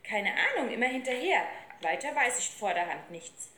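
A woman's voice: a little high, sing-song, normal speed, pushed and bright, a little hiss or hum. A woman reading aloud, voicing an earnest, polite boy from a small town. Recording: roomy with faint ambience.

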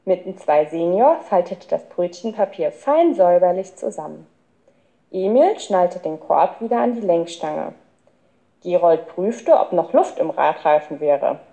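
A woman reading a children's book aloud as an expressive storyteller. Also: lowish voice, unhurried, muffled recording. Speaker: audiobook reader. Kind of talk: scripted narration of a children's book.

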